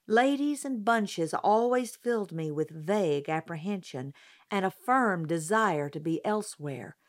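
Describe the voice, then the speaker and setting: Slow, calm woman narrating a story. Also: mid-range voice. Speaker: audiobook narrator. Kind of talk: scripted narration.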